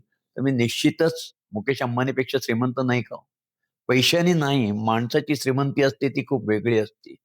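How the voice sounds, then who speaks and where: A man's voice: medium pitch, no room sound. Man from Maharashtra, heartfelt social-media talk with poem reading, earnest and emotional, dry recording. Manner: earnest, emotional, speaks directly to listeners as friends. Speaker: speaker addressing social media followers.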